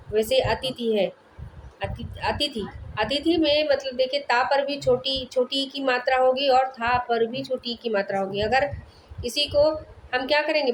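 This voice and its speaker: A woman's voice: a little high, slight background noise. A woman teacher with a Hindi accent explaining a language lesson, posing questions and answering them herself. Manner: explanatory, asks and answers her own questions; frequent checking tags. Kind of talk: classroom lecture.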